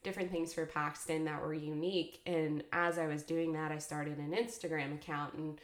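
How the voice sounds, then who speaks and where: A woman with a low-pitched voice chats casually as a podcast co-host, breaking into giggles now and then. Her voice rings around an echoey room. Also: level tone, normal speed. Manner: giggly, laughs often between phrases. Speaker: podcast co-host and brand founder.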